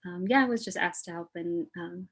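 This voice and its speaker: A woman from Texas speaks modestly with frequent pauses. Her voice is fairly low with a gravelly fry. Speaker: adult mentor. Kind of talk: casual self-introduction.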